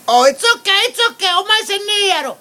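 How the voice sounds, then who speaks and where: A woman with a Sicilian accent chatting with a pet bird in an animated, repetitive way, cooing and scolding. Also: very high-pitched, unhurried, background noise.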